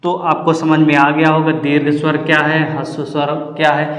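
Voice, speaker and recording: A man's voice: on the high side, completely flat delivery, a little fast, a bit bright. A man teaching a Hindi grammar lesson for exam preparation, explaining step by step and sounding out vowels as examples. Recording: echoey room with long reverb.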